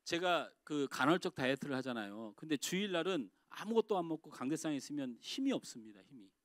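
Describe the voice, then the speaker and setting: A middle-aged man preaching a sermon, his voice sitting a little high for a man. He swings between loud emphatic outbursts and quiet confiding asides. The sound is dry and close, with almost no room echo. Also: very animated, quick pace. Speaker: pastor. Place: church sanctuary.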